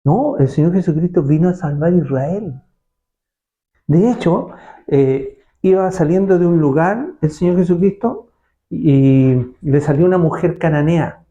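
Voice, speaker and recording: A man's voice: fairly high pitch, measured pace, dark tone, highs cut off. A man preaching a sermon, who fires rhetorical questions and keeps checking that his listeners follow.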